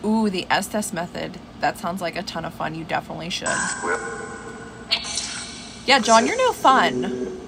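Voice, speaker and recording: This livestream host talks casually with her viewers from indoors at home, calling them by name. Her fairly low voice is unhurried, with vocal fry and long pauses, over constant background hiss.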